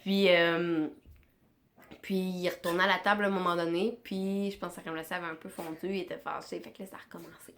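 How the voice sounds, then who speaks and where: A woman's voice: lowish voice, level tone, a little fast, a bit bright. A woman in her thirties with a Québécois French accent, chatting informally in a casual family vlog. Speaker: vlogger and mother.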